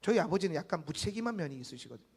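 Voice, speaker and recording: A middle-aged male pastor giving a sermon, swinging between loud exclaiming and soft confiding, and acting out quoted dialogue. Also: a little high, expressive, very fast, slightly rough, long reverb tail. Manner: acts out quoted dialogue in small voices. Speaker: guest pastor.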